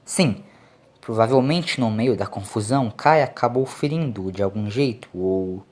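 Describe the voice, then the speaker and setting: A man voicing a calm, grave, commanding doctor adventurer in an audio story. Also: on the low side, a little slow, lightly acted. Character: calm, commanding male time-travelling doctor, quietly grave. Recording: clear background noise.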